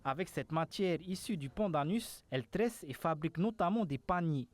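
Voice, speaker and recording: A man reads a scripted TV news voice-over in an even, read-out manner. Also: on the high side, moderate pace. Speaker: TV reporter.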